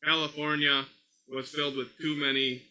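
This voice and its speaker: A man doing a deadpan male alien. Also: a little high, moderate pace, poor audio.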